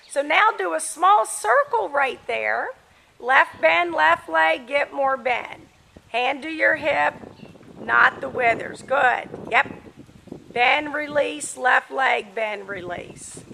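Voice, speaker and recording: A woman riding instructor with a high-pitched, creaky voice. She projects brisk commands in short, clipped phrases, yet her pace is unhurried as she coaches a rider through a lesson. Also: sharp tone, slight background noise, rough recording. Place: outdoors in a large open-sided covered riding arena.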